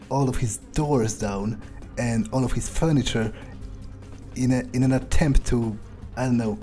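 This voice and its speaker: Warm and mid-range, this man's voice belongs to a video game player and host who comments in character. His musings come out hesitant and dryly understated, peppered with offhand swearing.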